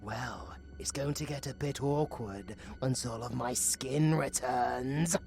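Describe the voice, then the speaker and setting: A British-accented man acts out an ASMR roleplay as an undead necromancer who is flirtatious and delightfully evil, taunting the listener in a theatrical style that shifts from breathy whispers to shouts. He speaks slowly in a mid-range voice over soft background music, with an air of playful menace.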